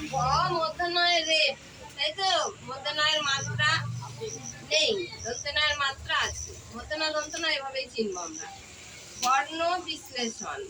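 A woman with a high-pitched voice leads a children's grammar class, asking question after question and echoing the answers. She sits well away from the mic. Crickets, insects and passing vehicles are clearly heard behind her. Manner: drills with repeated questions to pupils. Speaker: tuition teacher. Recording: distant mic with outdoor noise.

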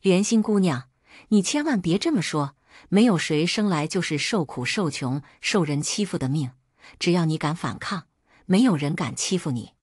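A woman storyteller voicing a kind-hearted young male servant who speaks earnestly and urgently, with a husky, lively voice. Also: lowish voice, moderate pace, dry recording, studio quality. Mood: urging. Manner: earnest, urging and indignant.

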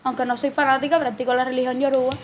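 A woman's voice: sits high, level tone, racing, a little hiss or hum. A young Cuban woman with a Cuban accent, telling a story in a casual, chatty way. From Cuba.

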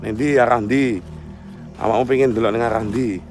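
A man's voice: mid-range voice, steady tone, brisk, soft background music. A young man with an East Javanese accent guiding a night-time ghost hunt outdoors, coaxing his companion along and chanting greetings to spirits. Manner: coaxing, repeats prompts, laughs easily. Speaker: paranormal guide. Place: outdoors at night by a forest pool.

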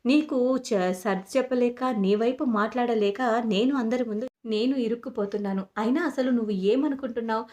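A woman voicing an older grandmother who scolds and demands answers in sharp questions, read aloud in a retold serial story. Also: on the high side, brisk, close to an everyday voice. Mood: scolding.

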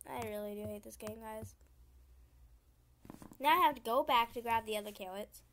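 A young woman YouTuber gives running commentary as she plays a computer game. She keeps up a chatty flow and vents her frustration out loud. Her voice sits a bit high, and a faint background hiss runs under the recording. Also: normal speed. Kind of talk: gaming commentary.

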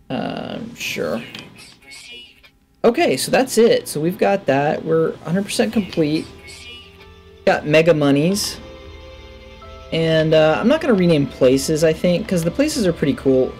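Sitting at a desk indoors, a man who makes let's play videos offers casual, offhand gameplay commentary into a headset mic. His voice is a little high with a darkish tone, and he muses aloud to himself.

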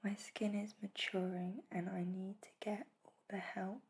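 Slow, soft whispered role-play by a woman. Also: mid-range voice, little pitch movement. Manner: gentle, slow, reassuring. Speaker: spa facial therapist in role-play.

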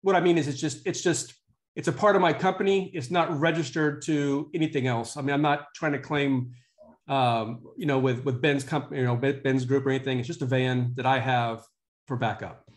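A man who runs vanpools, explaining his plans in a measured way during a video call meeting. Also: medium pitch, fairly even intonation. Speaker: vanpool operator.

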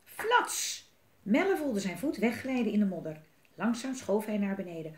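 A woman reading a children's book aloud in a lively, expressive way. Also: mid-range voice, fairly quick, echoey room. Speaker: storyteller.

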